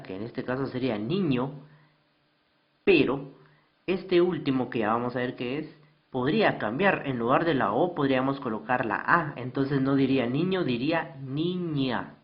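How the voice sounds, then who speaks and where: A man's voice: medium pitch, moderate pace, highs cut off. A man teaching a recorded slideshow lesson, patiently repeating definitions and asking his students questions.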